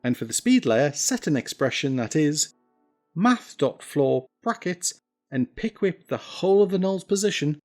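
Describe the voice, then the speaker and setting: A man with a slightly high voice narrates a scripted software tutorial. He gives clear step-by-step instructions, sprinkled with wry, self-deprecating asides.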